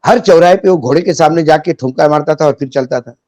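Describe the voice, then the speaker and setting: A man's voice: on the high side, quick pace, a little mellow, no echo. A man discussing politics as a guest, biting and sarcastic, mixing in jokes and anecdotes.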